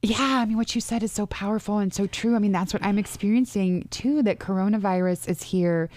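A woman talk show host speaks in a conversational, emphatic style with uplifting, motivational phrasing. Her R's are rolled, and the sound is dry and close, at a middling pitch. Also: steady tone, brisk, mellow, no echo. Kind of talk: warm conversational interview talk.

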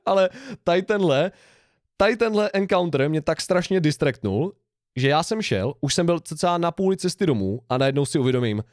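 Young guy podcast host rambling through a funny story, higher voice, dry close sound. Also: lively intonation, no room sound. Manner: rambling anecdote with laughs and restarts. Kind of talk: casual storytelling chat.

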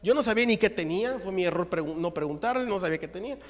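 A Mexican preacher with a high-pitched voice tells a story from the pulpit, acting out each exchange. His voice rings with a long reverb, as in a church hall. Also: very fast. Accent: Mexican Spanish. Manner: lively storytelling, acts out the dialogue. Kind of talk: sermon with personal testimony.

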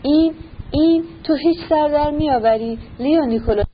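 A flustered old general, stammering out exclamations in a raised, strained pitch, as a woman reader puts him on. The storybook reading is slightly muffled, with a faint hiss behind it. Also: animated. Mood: exasperated. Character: flustered elderly general, anxious father.

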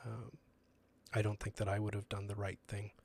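A young man gives a casual sermon in a low, fairly flat and creaky voice at normal speed. He's earnest and conversational, using lots of ums and restarting sentences as he works through his thoughts.

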